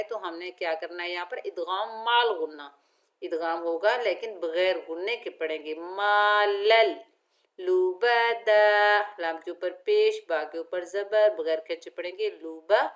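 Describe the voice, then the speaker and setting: A woman teaching Quran recitation, spelling out each letter and repeating syllables patiently for the learner. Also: on the low side. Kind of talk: tajweed lesson, spelling out letters.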